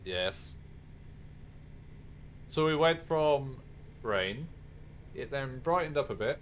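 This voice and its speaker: Male streamer, casual and sweary, lively low voice, faint game noise underneath. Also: slow. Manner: chatty, swears, self-mocking, talks to viewers. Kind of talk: casual live-stream commentary.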